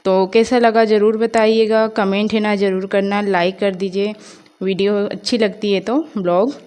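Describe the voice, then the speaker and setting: A woman's voice: medium pitch, fairly even intonation, moderate pace, a little mellow. A young woman from India narrating her home vlog in a rambling, chatty way, full of fillers. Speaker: vlogger. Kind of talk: casual voice-over vlog narration.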